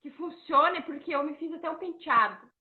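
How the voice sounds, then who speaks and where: A woman from with an excitable, exclamatory way of talking, joining a live stream as a guest writer over a glitchy, freezing video call. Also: sits high, normal speed, phone-quality sound. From Santa Catarina, Brazil. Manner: excitable, exclamatory, laughing often. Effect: glitchy, freezing video-call audio. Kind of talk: casual live-stream chat.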